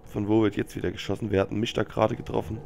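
Sick with a cold, a young adult let's player talks fast and flat into his headset, his low, darkish voice showing vocal fry as he mutters, swears and drops slang. Game music and gunfire play behind him, with a little hiss or hum.

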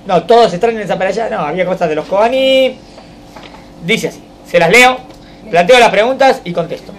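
A man, a rabbi, teaching a Torah lesson to students in a study hall, reciting verse slowly and then explaining it while checking that the class follows. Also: high-pitched, fairly bright tone, a little hiss or hum. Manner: keeps checking understanding with the class.

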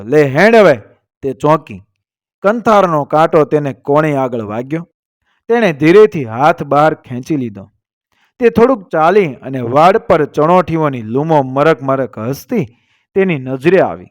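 A man narrating a village story in a steady, literary reading voice, reading the quoted lines as part of the telling. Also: fairly high pitch, smooth, no room sound, studio quality.

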